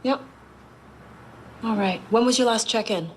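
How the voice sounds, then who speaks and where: A woman playing a brisk, teasing investigator. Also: a little high, close to an everyday voice. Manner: brisk, teasing and quick-witted. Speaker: private investigator. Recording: TV drama audio with music score and background noise.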